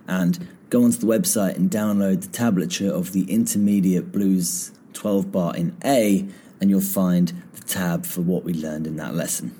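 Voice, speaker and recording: Over slight background noise, a man with a low voice hosts a guitar lesson podcast, calmly explaining where the fingers go one step at a time. His voice is a little croaky from singing, and guitar fills the gaps between his phrases in this casual lesson.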